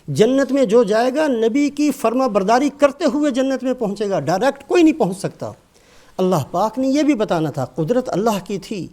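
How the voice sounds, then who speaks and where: A man's voice: high-pitched, warm tone. An older man giving a sermon with Quran commentary, emphatic and rising and falling, breaking into Arabic recitation.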